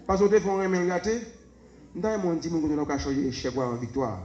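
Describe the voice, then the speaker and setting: A man preaching a sermon, swinging from low murmurs to shouts. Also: fairly even intonation, fairly quick, reverberant, muffled recording.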